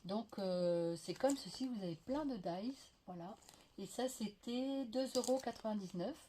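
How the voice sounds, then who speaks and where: A woman's voice: medium pitch, a little slow, mellow, a little hiss or hum. A French woman vlogging a crafting haul, chatting and gushing with many fillers, her voice slightly veiled from a lingering cough. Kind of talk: casual show-and-tell haul. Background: faint clatter of dishes.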